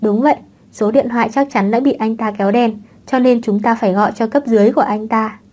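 A woman's voice: a little high, steady tone, fast talker, darkish tone, natural voice. A woman voicing a playful, scheming young mother who talks breezily and teases, in an audiobook reading. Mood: breezy.

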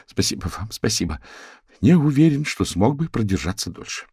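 A man's voice: on the low side, sing-song, moderate pace, a little mellow, husky, no echo, clean studio sound, voice pushed up, heavily acted. A man voicing an anxious man under pressure who speaks formally in an audiobook.

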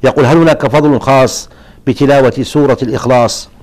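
A man who is an Islamic scholar, answering listeners' religious questions in a measured, explanatory lesson with frequent restarts. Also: medium pitch, steady tone, darkish tone.

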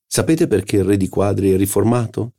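A self-satisfied middle-aged doctor, voiced by a male reader, in an audiobook. He throws out puns and sayings in a raised, gravelly voice. The manner is smug and teasing. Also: fairly low pitch, animated, brisk, dark tone, voice pushed up. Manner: smug, joking.

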